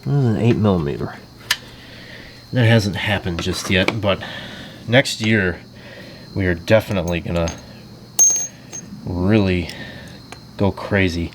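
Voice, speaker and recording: A tired, low-voiced man hosts a casual vlog from his home garage, congested from allergies. He speaks in an offhand way with dry jokes, and background noise is audible.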